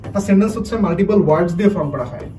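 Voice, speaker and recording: This admission-test English teacher speaks rapidly in an online class, restarting often and tossing quick rhetorical questions to students in a fairly high, mellow voice. The low-quality recording comes from a distant mic with a faint hum below.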